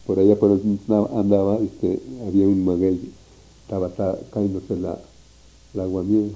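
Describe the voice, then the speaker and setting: A man's voice: low-pitched, flat delivery, normal speed, warm tone, rough recording. A man telling a meandering, folksy story from his past. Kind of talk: oral history recollection.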